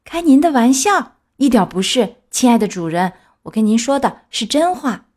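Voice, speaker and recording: Storybook role: woman voicing a high, chatty, cheeky wooden puppet boy. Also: very animated, normal speed, a little mellow.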